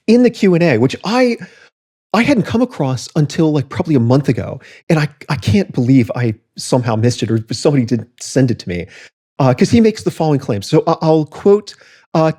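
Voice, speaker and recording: A man's voice: medium pitch, warm tone. A man co-hosting a podcast, reading quotes aloud and picking them apart, with lots of fillers and restarts. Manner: reads quotes aloud and comments critically, frequent fillers and restarts. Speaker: podcast co-host. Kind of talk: casual podcast discussion.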